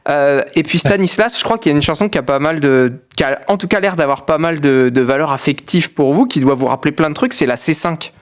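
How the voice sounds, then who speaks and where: A man's voice: on the high side, a little fast, few pauses. A man hosting a radio interview, asking friendly, conversational questions. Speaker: radio host.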